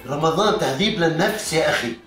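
A teasing Jordanian friend. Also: male voice, fairly high pitch, expressive, fast talker, a bit bright, echoey room, faint music behind. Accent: Jordanian Arabic. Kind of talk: sketch comedy acting.

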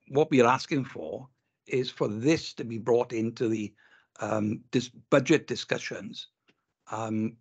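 A man's voice: mid-range voice, creaky, breathy edge. A man speaking as a councillor in a meeting debate, firm and insistent about his demands.

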